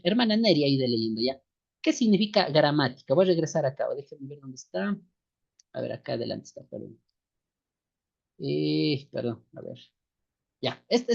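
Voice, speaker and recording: Slow-lecturing man. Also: on the high side, creaky, darkish tone. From Ecuadorian highlands. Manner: slow, repetitive, rhetorical questions tagged with "no". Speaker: seminary teacher. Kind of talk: online class lecture. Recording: dull lo-fi sound.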